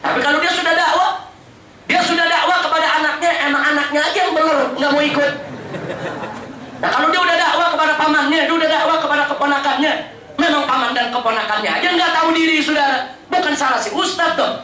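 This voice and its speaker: A man preaching a sermon, telling stories in a lively way and often addressing the crowd directly. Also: very high-pitched, quick pace, slight background noise. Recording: echoey hall, distant mic.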